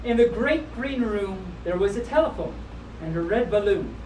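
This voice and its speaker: This storyteller has a medium-pitched, somewhat dark voice, reading expressively at a moderate pace during a live convention session. Between passages of the picture books she shares with the group, she drops in wry, playful asides. The audio sounds distant and roomy, with noticeable noise from the event.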